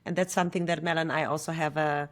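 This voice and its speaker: A woman coach from Germany speaks in a fairly low voice. She talks in a reflective way and grows lively when she tells a story, as a guest in a casual conversation. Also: quick pace.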